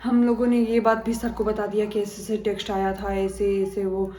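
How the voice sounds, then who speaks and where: A young woman tells a spooky school story in a chatty, dramatic way, slipping into the voices of the people in it. Her voice is mellow and soft-edged. The room echoes around her, with a faint hum of ambience behind. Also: mid-range voice, completely flat delivery, moderate pace. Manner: chatty, dramatic, acts out quoted dialogue. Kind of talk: casual horror storytime.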